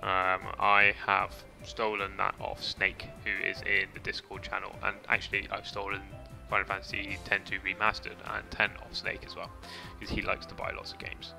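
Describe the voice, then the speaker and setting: A man's voice: low-pitched, completely flat delivery, normal speed, creaky, hardly any pauses, bright, forceful tone, soft background music. A man casually rambling through a game stream, chatting to viewers with mild swearing. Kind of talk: casual gameplay commentary.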